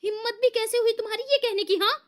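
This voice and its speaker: A woman voicing a quick-tempered young woman who scolds and shrieks in indignation. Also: expressive. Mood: furious. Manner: indignant, scolding, shrill outbursts.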